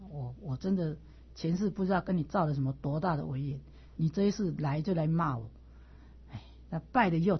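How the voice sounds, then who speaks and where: Husky middle-aged woman teaching a class. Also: fairly low pitch. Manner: animated storyteller, repeats words and stammers on restarts. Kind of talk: casual teaching talk with personal stories. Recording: dull lo-fi recording.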